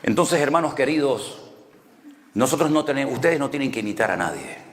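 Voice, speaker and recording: Canarian pastor preaching in a reverberant hall. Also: male voice, mid-range voice, expressive, fairly quick. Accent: Canarian Spanish. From Canary Islands. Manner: storytelling, conversational, with rhetorical questions. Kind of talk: sermon.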